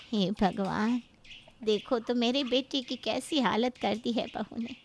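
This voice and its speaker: A traditional middle-aged mother, voiced by a woman in a cartoon story, with a somewhat raised pitch. She talks with her son in a motherly, homely tone. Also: takes it slowly, a little hiss or hum. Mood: fretful.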